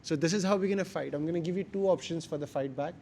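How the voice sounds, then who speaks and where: Male martial arts instructor, Indian accent, slightly high voice, emphatic short phrasing, live class with some background noise. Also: fast talker, vocal fry, a little mellow. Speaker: jiu-jitsu instructor.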